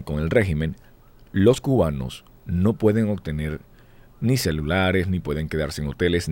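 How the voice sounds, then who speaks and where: A man's voice: low-pitched, a little mellow. Venezuelan man opening a podcast. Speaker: podcast host. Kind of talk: podcast introduction.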